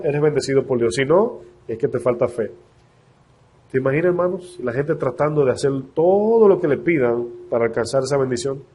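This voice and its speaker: Husky pastor preaching a sermon. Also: male voice, medium pitch, a little mellow. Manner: earnest preaching, addressing the congregation directly; slows down to read scripture aloud. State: congested.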